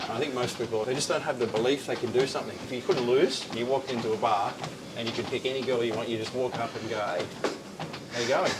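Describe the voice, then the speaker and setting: A man's voice: mid-range voice, fairly even intonation, fast. A man in a casual interview chat, talking while exercising on a treadmill as a company founder. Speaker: gym company founder and CEO. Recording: loud ambient noise behind voice.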